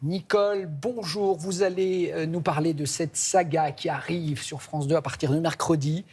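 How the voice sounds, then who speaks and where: A woman hosts a morning television talk show with a husky, fairly low voice. She chats in a lively way and is quick to finish her guest's sentences. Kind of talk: casual talk show interview.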